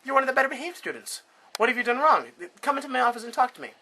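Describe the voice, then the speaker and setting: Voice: high voice, sing-song, rapid-fire, pushed and bright, slight background noise, pitched above the performer's own voice, heavily acted, low-quality recording. A storyteller voicing a curt, foul-mouthed school principal. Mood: friendly. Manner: curt, profane dismissal. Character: harsh school principal, middle-aged man.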